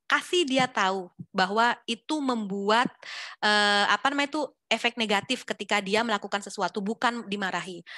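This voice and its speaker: A young woman talks through parenting advice in an explanatory way, often pausing on fillers as she searches for words. Her voice sits a little high and sounds bright and sharp. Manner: explanatory, hesitant with many fillers. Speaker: psychologist speaker. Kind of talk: live online parenting talk.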